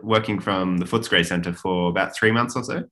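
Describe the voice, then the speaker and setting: A man's voice: deep voice, steady tone, normal speed, a bit bright. A man hosting a podcast interview, encouraging his guest with frequent mm-hmms and ums. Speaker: podcast host.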